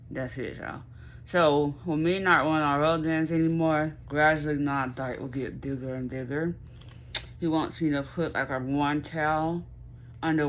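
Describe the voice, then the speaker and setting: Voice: mid-range voice, a little hiss or hum. An American vlogger chatting casually and expressively to viewers with folksy phrasing, mouth movement limited by a sore jaw after surgery. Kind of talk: casual chatty recovery vlog.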